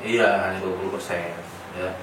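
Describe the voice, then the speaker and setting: Male clinic therapist, gentle and explanatory, off-mic in a very echoey room. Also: low voice, fairly even intonation, normal speed. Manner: gentle coaching, then plain explanation to parents. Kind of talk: clinical consultation with a patient and family. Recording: echoey room, mic at a distance, faint noise.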